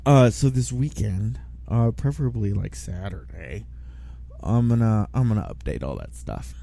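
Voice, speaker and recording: A man's voice: fairly low pitch, normal speed, creaky. A congested man with a rattly, chesty, phlegmy voice, chatting casually and playfully as a podcast co-host. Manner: animated, jokey, playful. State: congested, coughing with a cold.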